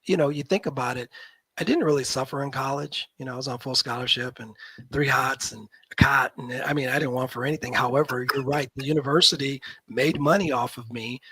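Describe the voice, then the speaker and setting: A man in his fifties from Nebraska, a guest talking in a casual, animated, opinionated way on a video call. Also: mid-range voice, fairly quick, breathy edge, no room sound, rough recording. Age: 50s. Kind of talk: casual chat.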